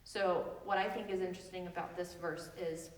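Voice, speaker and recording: A woman leading a Bible study in a casual, chatty way, full of loose asides and quick laughs. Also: lowish voice, fairly even intonation, roomy sound, big-room sound, recorded from a distance, low-quality recording.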